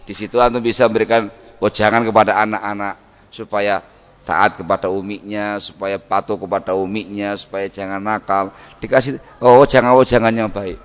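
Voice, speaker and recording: A middle-aged man preaching a sermon on family life, lively, acting out home scenes in sudden loud voices. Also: lowish voice, normal speed, clear, resonant tone. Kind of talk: Islamic sermon.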